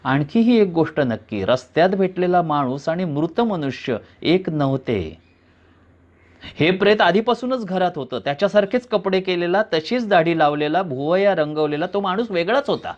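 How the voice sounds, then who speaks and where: A man's voice: high voice, lively intonation, normal speed. A man giving a dramatic reading of a thriller, narrating suspensefully in the second person. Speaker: reader. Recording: dull lo-fi recording.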